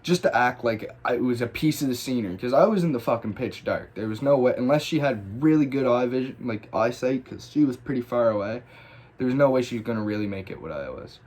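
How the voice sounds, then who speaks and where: A man's voice: mid-range voice, quick pace. Man swearing through a rambling story. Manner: profane, rambling, animated retelling. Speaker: graffiti storyteller. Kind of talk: casual storytelling.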